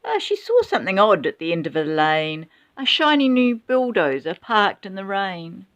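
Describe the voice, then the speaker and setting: A woman reading a rhyming children's story aloud in an expressive, dramatic way, with exclamations. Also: mid-range voice, normal speed.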